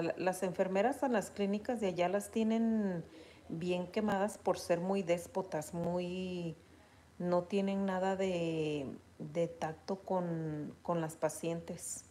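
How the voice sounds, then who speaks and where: Reading viewers' comments out loud and retelling stories with animation, a Mexican-accented woman chats casually in a lowish voice.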